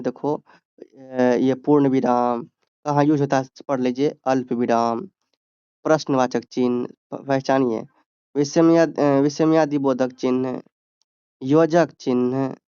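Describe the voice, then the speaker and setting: A man's voice: medium pitch, fairly even intonation, measured pace, dark tone, clear, resonant tone, no room sound, lo-fi sound. A man tutoring students for an exam, explaining grammar step by step and answering his own questions. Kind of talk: exam-prep grammar lesson.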